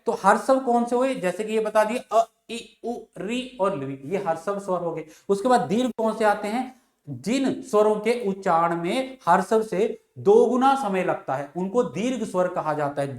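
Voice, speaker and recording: A man's voice: high-pitched, reverberant. A man teaching a class, who asks and answers his own questions, repeats each point, and draws out vowel sounds to show them. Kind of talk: classroom lecture.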